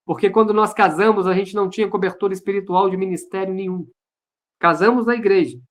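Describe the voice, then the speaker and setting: A man's voice: high-pitched, fairly even intonation, fast. Earnest Brazilian man telling testimony. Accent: Brazilian Portuguese. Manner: earnest storyteller who repeats phrases for emphasis. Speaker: pastor. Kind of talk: personal testimony in an online service. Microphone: video call.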